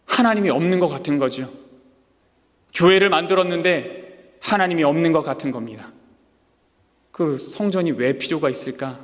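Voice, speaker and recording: Guy preaching, gets really animated, long echoey church hall. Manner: animated preaching, acting out God's words with rising pitch. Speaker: pastor. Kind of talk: sermon.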